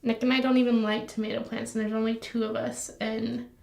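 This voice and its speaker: A young woman chats her way through a makeup tutorial at home, rambling between topics and dropping into soft near-whispered asides. Her voice sits a little high, and the room around her rings with echo. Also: little pitch movement, fairly quick, creaky. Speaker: beauty vlogger. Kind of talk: casual makeup tutorial chat. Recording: echoey room.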